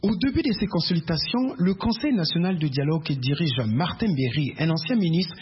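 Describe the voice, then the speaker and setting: A man reporting as a news correspondent in a steady, formal tone. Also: a little high, brisk, husky. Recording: muffled radio broadcast with faint noise.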